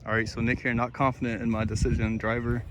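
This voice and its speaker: A man's voice: mid-range voice, little pitch movement, fast. Chatty young man caddying outdoors. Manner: chatty, upbeat, addresses viewers. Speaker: caddie. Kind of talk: casual on-course commentary. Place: golf course outdoors. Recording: outdoor wind and background noise.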